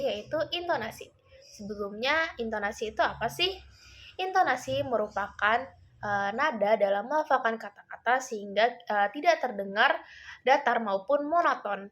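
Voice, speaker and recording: A woman's voice: on the high side, a bit bright. A teenage girl giving a school presentation, explaining in a casual way with frequent tag words. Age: late teens. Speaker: student presenter.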